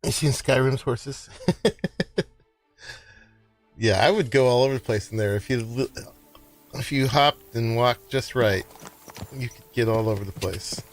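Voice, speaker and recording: A man's voice: medium pitch, unhurried, pauses often, no echo, faint music behind. A man giving casual, chatty gameplay commentary, musing aloud as he plays. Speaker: gamer commenting on own play.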